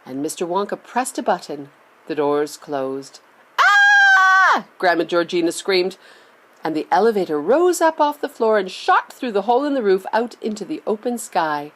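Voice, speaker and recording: Lively woman reading aloud. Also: fairly low pitch, moderate pace, slight background noise. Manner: lively, expressive. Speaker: reader. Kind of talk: reading a children's novel aloud.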